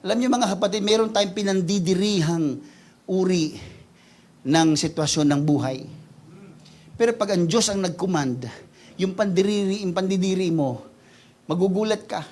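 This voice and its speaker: A pastor with a Filipino accent, preaching to a church congregation. He swings between hushed pleading and loud, shouted exclamations, and jokes playfully with the people. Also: high-pitched, moderate pace, pauses often. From Philippines. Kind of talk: energetic preaching sermon.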